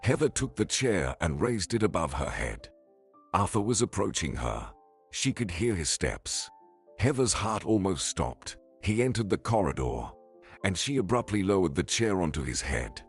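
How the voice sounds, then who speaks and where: A man reading a suspenseful family story aloud in an expressive, scripted narration. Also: sits low, moderate pace, husky. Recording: faint background music.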